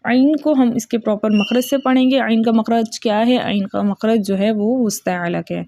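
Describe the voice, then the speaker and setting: A woman's voice: on the high side, fairly even intonation, warm tone, no room sound. Patient woman teaching Quran recitation rules. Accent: Pakistani Urdu. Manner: patient, repeats each rule, checks with "ok?"; recites verses slowly in a drawn-out chant. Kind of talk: tajweed lesson.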